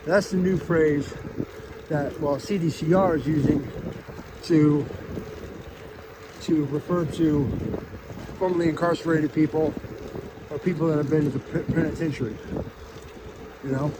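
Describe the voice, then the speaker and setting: A man's voice: a little high, steady tone, measured pace, long pauses. A man vlogging casually outdoors to his followers in an earnest, rambling, plain-spoken way, with a slight lisp from missing front teeth. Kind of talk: casual motivational vlog talk to followers. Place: outdoors on a bike trail, riding an electric bike. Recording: outdoors with loud wind and traffic noise.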